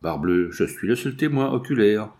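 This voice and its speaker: A man's voice: lively intonation, a little mellow. A man voicing a smug, boastful painter who brags about his own importance. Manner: boastful, slow and low.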